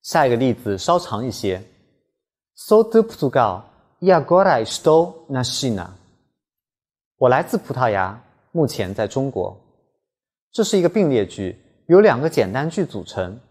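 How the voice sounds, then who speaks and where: Male language teacher, scripted lesson read; animated intonation, slightly raspy tone, careful pronunciation drills. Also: mid-range voice. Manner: careful, slows down to model pronunciation.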